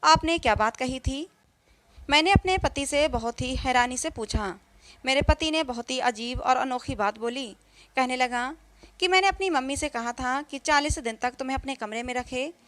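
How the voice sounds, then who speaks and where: A woman narrating a first-person story in a steady, earnest, scripted way. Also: high-pitched, no echo.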